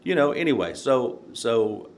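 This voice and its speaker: A man's voice: mid-range voice, sing-song, measured pace, a little hiss or hum. An older man from Nashville, a guest on a podcast, talks casually and rambles through stories with many fillers and short chuckles. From Nashville, Tennessee. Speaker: podcast guest, court candidate. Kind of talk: casual interview, storytelling.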